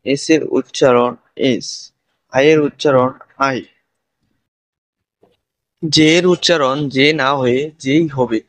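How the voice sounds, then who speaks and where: A man's voice: medium pitch, no echo, poor audio. Man reciting a pronunciation lesson. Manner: steady list-like recitation. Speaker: English teacher.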